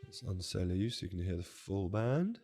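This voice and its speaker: A man demonstrating music software from a home studio, his voice strained and close to giving out, chatty and self-deprecating with jokey asides. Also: deep voice, very animated, moderate pace. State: strained, nearly losing his voice. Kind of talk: casual product walkthrough.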